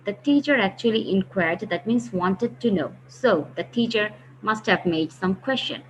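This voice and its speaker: A woman teaches a grammar lesson, patiently explaining and repeating key phrases. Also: medium pitch. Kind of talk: recorded online grammar lesson. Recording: dull lo-fi recording with faint hiss.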